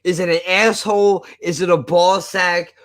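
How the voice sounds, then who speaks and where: A man's voice: sits high, steady tone, normal speed, a bit bright. American man with loose, toothless-sounding speech. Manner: blunt, profane, self-deprecating. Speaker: streamer. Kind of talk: casual rambling live-stream chat.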